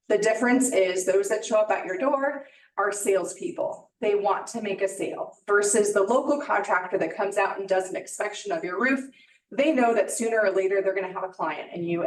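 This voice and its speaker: American woman giving an announcement, echoey and distant. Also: mid-range voice. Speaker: township spokesperson giving a public service announcement. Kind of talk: informal public advisory, semi-scripted explanation. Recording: roomy, echoey, distant microphone.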